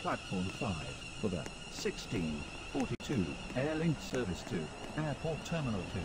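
A man's voice making automated railway station announcements in a calm, clipped, evenly paced delivery. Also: medium pitch, normal speed. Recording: loud background noise.

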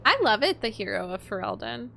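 A young woman doing casual, playful let's play commentary for viewers into a close desk microphone, with expressive reactions. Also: medium pitch, fairly quick, vocal fry, slight background noise. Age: young adult. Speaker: game streamer. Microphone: close desk microphone with headset headphones.

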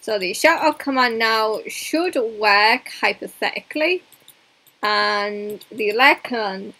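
A young woman chats away to her stream while she plays, rambling and poking fun at herself. Her voice sits a little high, and she takes her time with each thought. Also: slow pace, pushed and bright, low-quality recording. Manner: chatty, rambling, self-mocking. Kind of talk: casual live-stream chat while gaming.

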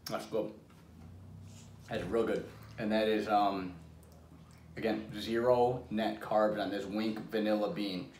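A man's voice: fairly low pitch, steady tone, takes it slowly, long pauses, a little mellow. A man co-hosting a casual taste-test vlog, rambling and restarting his sentences, sometimes talking with his mouth full. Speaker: vlog co-host. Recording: echoey room with faint noise.

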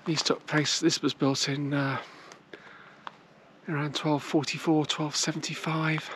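A middle-aged woman vlogs a walking tour of castle ruins in a low-pitched, flat, slightly slow voice. She speaks unhurriedly with frequent hesitations into a camera at arm's length, and outdoor noise is audible in the background.

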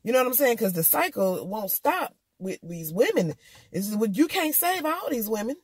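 A woman's voice: on the high side, very animated, moderate pace, slightly rough, dry recording. A woman recapping a TV episode in casual, slangy chat, talking candidly straight to her viewers. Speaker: TV episode reviewer.

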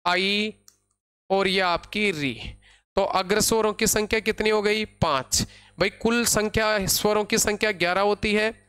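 A man from India teaching grammar in an online class. He repeats key terms, asks the class questions and answers them himself, and slows right down to dictate terms. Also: high voice, fairly bright tone, clean tone. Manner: slow, dictating pace when spelling out terms.

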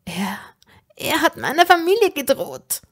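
A woman's voice: high voice, very animated, measured pace, vocal fry, fairly bright tone, pitched above the performer's own voice, heavily acted. A woman voicing a determined teenage witch fighting off a possessing spirit, her lines strained and raised in a fantasy audiobook. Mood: crying out.

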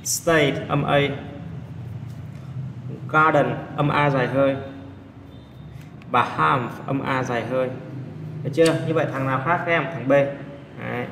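A man's voice: mid-range voice, fairly even intonation, gravelly. A male English teacher working through exam answers step by step, often stopping to check that his students follow. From Vietnam. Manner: explains step by step, asks students quick check questions. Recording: echoey room, faint background noise.

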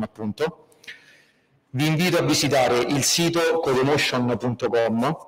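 A man with a mid-pitched voice gives opening announcements for a tech meetup before handing over to the speaker. He hesitates often and restarts his sentences, speaking in a lecture hall. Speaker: event organizer introducing the speaker. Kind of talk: event announcements.

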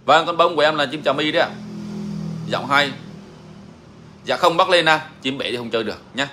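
Man, fairly high pitch, forceful tone, emphatic, repeats himself, casual live Q&A. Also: brisk, slight background noise. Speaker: songbird breeder answering viewers.

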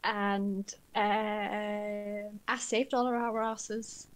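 Woman player; very slow delivery, blunt and offhand, middle pitch. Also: little pitch movement, clear, resonant tone, poor audio. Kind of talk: casual chat.

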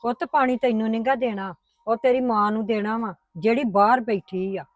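Brief: a woman as a soothing grandmother, gentle, placating, raised pitch, dry close sound. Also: steady tone, moderate pace, no room sound, lightly acted. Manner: coaxing, placating. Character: patient grandmother, soothing mother-in-law. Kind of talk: family drama acting.

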